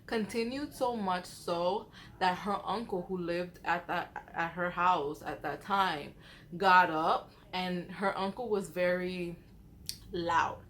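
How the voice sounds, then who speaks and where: A woman's voice: lowish voice, fairly even intonation, slow pace, a bit bright. Woman telling spooky stories over background noise. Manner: chatty, slangy, acts out quoted dialogue. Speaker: storyteller. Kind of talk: casual spooky storytelling.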